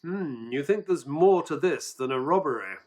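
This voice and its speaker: Earnest Watson, animated storyteller. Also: male voice, a little high, normal speed. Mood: concerned, doubtful. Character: earnest, courteous Victorian male doctor narrating his friend's case. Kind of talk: audio drama narration and dialogue.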